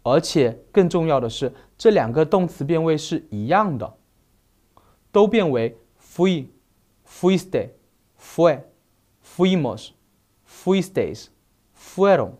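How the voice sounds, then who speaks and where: Male teacher voice, slightly high, unhurried, reads out verb lists item by item. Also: sing-song, a little mellow. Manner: slow, deliberate, spells out verb forms one by one. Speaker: Spanish teacher. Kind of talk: recorded grammar lesson.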